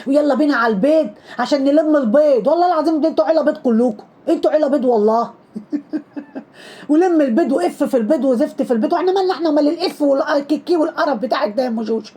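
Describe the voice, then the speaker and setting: A high-voiced woman with an Egyptian accent tears through her lines at breakneck speed. Her tone is dark and mellow, yet every line scolds and mocks. She hammers each jab home with repetition in a sarcastic commentary style. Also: rapid-fire. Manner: scolding, mocking, heavy repetition. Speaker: social media commentator. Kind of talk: sarcastic commentary on trending videos.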